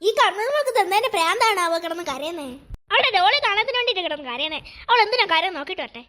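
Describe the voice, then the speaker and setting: A squeaky cartoon big brother, played by a performer, rattling words out very fast as he coaxes his little sister. The voice is high and bright. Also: expressive, exaggerated voice. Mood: coaxing. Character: caring older brother, a boy. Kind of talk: cartoon voice acting.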